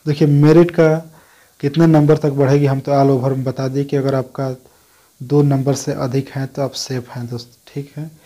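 Flat-voiced man answering viewer comments. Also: medium pitch, normal speed. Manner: conversational, repeats "dekhiye" and "dosto" often. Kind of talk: casual explanatory talk to viewers.

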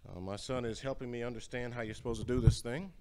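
A man's voice: medium pitch, quick pace, dark tone. An older man hosting a home music show, chatting casually between songs with many fillers and repeated words, filmed from across a large indoor entryway. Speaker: show host and singer. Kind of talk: casual spoken introductions between sung ballads. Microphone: far camera, standing at a music stand.

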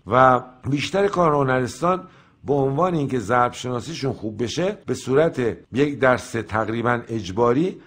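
An older male music teacher lectures on rhythm, stopping often to count beats aloud and sound out the rhythmic syllables. His voice sits at a medium pitch, and his delivery is steady and explanatory.

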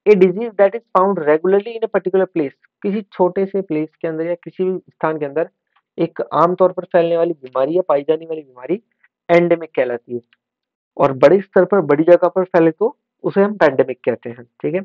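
A male teacher running a brisk exam revision lesson, drilling words and spellings and checking in with "ठीक है" as he goes. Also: fairly high pitch, no room sound. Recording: tinny phone-like sound.

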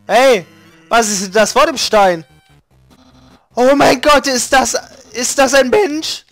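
A man voicing a loud, boastful male skeleton guard from a video game, pompous and tripping over his words. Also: high voice, measured pace, dry recording, soft background music.

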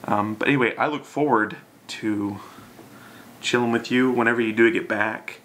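A man's voice: fairly low pitch, steady tone, moderate pace, fairly bright tone, slight background noise. A young man in casual, drunken, loosely rambling chat to a camera, as in a video message to a friend. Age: young adult. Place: small bedroom, indoors.

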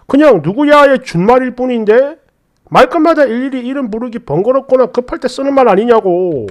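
Lady reading out story comments, super lively up-and-down voice, acts out the quotes. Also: on the high side. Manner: expressive, acts out quoted lines. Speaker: story channel narrator. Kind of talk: dramatized reading of online posts and comments.

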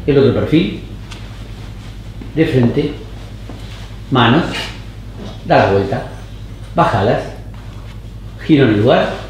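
A man directing actors on a casting tape with short, calm, even commands. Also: medium pitch, slow pace, long pauses, slight background noise. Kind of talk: giving short camera directions. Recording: roomy echoey studio.

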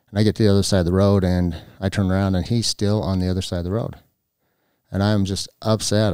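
A middle-aged man telling a personal story on a podcast, halting, with many restarts and fillers. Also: lowish voice, darkish tone, clean tone, no room sound, studio quality. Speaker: guest. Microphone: podcast mic.

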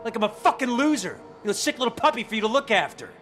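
An actor voicing a troubled, irritable former cop in a video game, tense and defensive. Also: male voice, very high-pitched, sing-song, racing. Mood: bitter. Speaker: game character. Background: game music.

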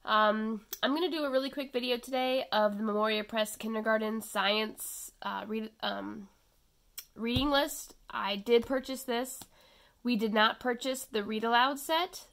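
Congested from a head cold, a woman in her thirties who runs a homeschool channel casually reviews a stack of children's books in a small indoor home schoolroom. She's chatty, full of ums and restarts, and speaks unhurriedly in a high-ish, fairly bright voice on a dry recording.

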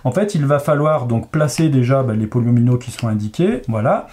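In a relaxed chat about a board game, a man who designs games patiently lays out how a logic puzzle works, with frequent fillers. His mid-range voice is expressive and brisk, with a slightly mellow quality.

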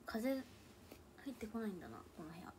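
Chatting casually on a livestream from home, a young idol speaks a Kansai-tinged Hakata dialect and frequently murmurs asides to herself. Her mid-range voice is animated and fairly quick, captured by a tablet or phone with background noise.

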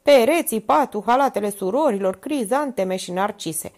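A woman voicing a frail, sickly young woman who speaks quietly, detached and resigned to dying. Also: on the high side, expressive, pitched above the performer's own voice, close to an everyday voice. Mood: brooding.

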